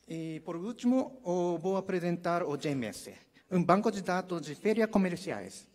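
A man with a Japanese accent giving a formal conference presentation as a non-native speaker, in a halting, hesitant manner. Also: sits high, lively intonation, a little mellow. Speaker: trade promotion speaker. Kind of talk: formal conference presentation in Portuguese as a second language. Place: conference hall stage.

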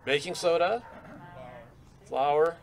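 A man's voice: on the high side, slow pace, creaky. A middle-aged man preaching a sermon at a lectern in an outdoor church courtyard, talking conversationally with rhetorical questions and frequent restarts. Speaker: pastor. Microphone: stand mic at lectern.

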